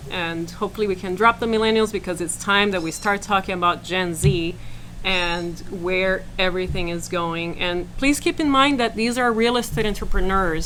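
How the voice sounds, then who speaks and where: A woman's voice: mid-range voice, a bit bright, slight background noise. A woman hosting a podcast, talking with an eager, upbeat manner as she opens and leads the interview. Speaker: podcast host.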